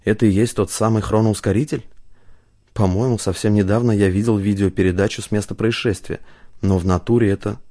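Man doing a reserved husband, low, soft, measured, audiobook. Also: steady tone, natural voice. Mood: subdued. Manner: measured, searching for words.

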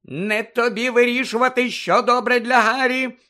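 A man voicing a worried, strict middle-aged mother who nearly shouts in her arguments. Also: animated, measured pace, exaggerated voice. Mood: agitated. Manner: shrill, pleading, nearly shouting.

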